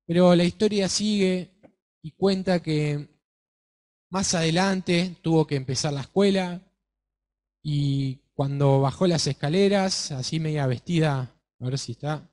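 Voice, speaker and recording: Argentine man telling a story to children. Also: on the high side. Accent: Argentine Spanish. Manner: animated, speaks directly to the children. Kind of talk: Bible-class storytelling to children.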